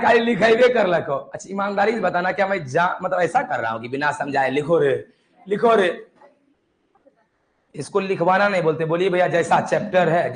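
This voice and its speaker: Lively, coaxing male tutor in an echoey classroom. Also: high-pitched. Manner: coaxing and repetitive, keeps urging students to write; banters and jokes with the class in dialect. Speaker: chemistry tutor. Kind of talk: classroom lecture.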